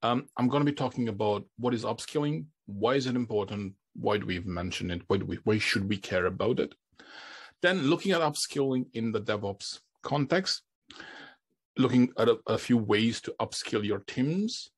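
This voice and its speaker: A man's voice: on the low side, animated, normal speed, husky. A middle-aged man from Romania, giving a conference presentation and often restarting his phrases. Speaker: conference speaker.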